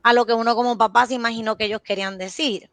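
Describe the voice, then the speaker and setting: A woman's voice: a little high, fairly even intonation, fast, fairly bright tone, no room sound. A Puerto Rican woman, a child psychiatrist, explaining in a casual interview and illustrating her points with everyday stories. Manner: explains with everyday anecdotes and acted quotes.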